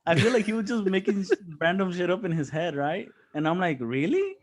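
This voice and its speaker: A young man with a slightly high voice tells a story in loose, casual chat. He swears freely, bursts into laughter and acts out everyone's lines. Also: quick pace. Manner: animated storytelling, swears often, laughs a lot. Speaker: podcast co-host.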